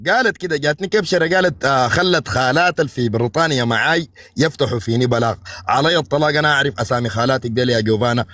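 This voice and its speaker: Fast, bright-voiced Sudanese man ranting. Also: medium pitch, no echo. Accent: Sudanese Arabic. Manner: fast, heated ranting with swearing and challenges. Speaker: live streamer. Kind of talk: casual live-stream chat. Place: abroad in the UK.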